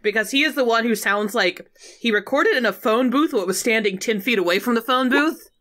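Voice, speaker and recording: Woman podcast host, bright clear voice, sardonic film recap, fairly high. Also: a little fast. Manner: animated, sardonic storytelling. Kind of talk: casual chat recapping a film.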